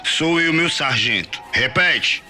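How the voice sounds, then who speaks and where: A cruel army sergeant barks and sneers in a high, strained shout with a Brazilian accent, as a male narrator puts him on. The voice is loud, bright and hard-edged, swinging up in anger. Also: lively intonation, takes it slowly, faint music behind, exaggerated voice. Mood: shouting, mocking. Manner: barking, shouting insults. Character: brutal mocking army sergeant, male, middle-aged.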